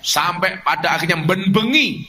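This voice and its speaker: A man's voice: high voice, normal speed. A middle-aged man with a Javanese accent preaching a sermon to a crowd, mixing humour and jokes with his lessons. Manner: humorous, animated preaching with jokes and Javanese asides.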